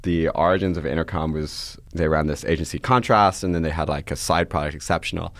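An Irish man in his 20s, a startup CEO guesting on a podcast, chats casually in a rumbling low voice that's a bit bright and fairly quick. He rambles and scatters "like" all through his sentences. The recording is dry, with clean studio sound.

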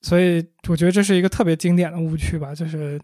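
A man's voice: on the high side, fairly even intonation, quick pace, mellow, no room sound, clean studio sound. A man co-hosting a casual conversation, reasoning through points analytically with examples. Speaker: podcast co-host.

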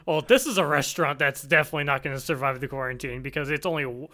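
A man's voice: medium pitch, rapid-fire, bright, forceful tone. A man in casual chat, enthusing with loose, rambling phrasing.

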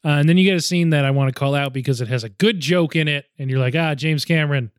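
A man's voice: fairly high pitch, quick pace, clean tone, no echo. A man co-hosting a podcast, recapping movie scenes in casual chat with dry, wry quips. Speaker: podcast co-host.

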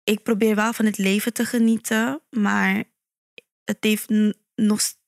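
A calm woman speaking as a podcast guest, her voice even and flat with little melody. She tells her story in a measured way, often pausing on fillers. The sound is dry and close to the mic. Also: medium pitch, vocal fry, no room sound. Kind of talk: conversational podcast interview.

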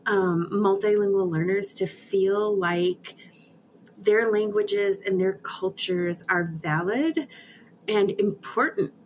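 A middle-aged woman, a guest who leads an education nonprofit, explaining her work in a clear, organized way. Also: medium pitch, takes it slowly, a little hiss or hum. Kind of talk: interview answers.

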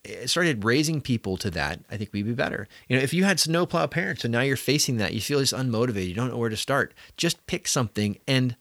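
A man co-hosting a podcast, speaking earnestly and with emphasis as he strings point after point together. His voice sits at an average pitch and is recorded close and dry, with no room sound around it. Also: lively intonation, quick pace, few pauses, fairly bright tone, no echo. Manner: earnest, emphatic, talks in long run-on lists. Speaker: podcast co-host. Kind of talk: casual chat.

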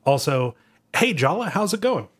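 A man's voice: on the high side, very animated, normal speed, breathy edge. A man hosting a podcast in casual chat from a freshly painted room with no soundproofing, his voice echoing off the bare walls as he talks with lots of restarts. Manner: chatty, stumbling restarts. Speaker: podcast host. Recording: echoey unsoundproofed room.

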